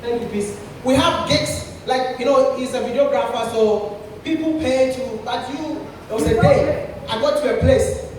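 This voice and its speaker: A man giving a lively motivational talk to an audience, animated, repeating himself and laughing often. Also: extremely high pitch, unhurried, slight background noise. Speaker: speaker at a creators' session. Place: indoor event room with audience. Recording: echoey event hall, from far off.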